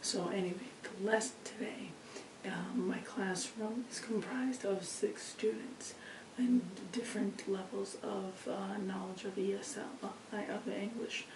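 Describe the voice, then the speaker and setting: A woman teacher presenting a lesson informally, her lost voice hoarse, croaky and effortful, often breaking into a breathy whisper. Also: mid-range voice, fairly even intonation, a little slow. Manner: effortful, pushing to be heard. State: hoarse, strained, breaking voice from voice loss. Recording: roomy, distant mic with clear background noise.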